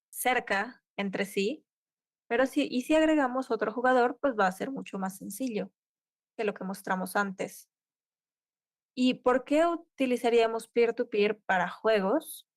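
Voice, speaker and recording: A woman works as a simultaneous interpreter for a conference tech talk, keeping pace live though she occasionally cuts off and restarts. Her voice is medium-pitched, with no echo.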